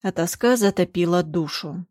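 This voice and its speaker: A woman's voice: lowish voice, moderate pace, darkish tone, dry recording, clean studio sound. A woman narrating a first-person story in a tense, dramatic reading. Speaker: audiobook narrator.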